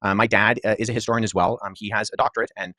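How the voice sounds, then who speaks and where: A man in his thirties, a historian guest in a podcast debate, speaking in an articulate, measured way with many asides. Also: on the low side, fairly even intonation, bright, forceful tone, no echo, clean studio sound. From Pakistan-born, raised abroad.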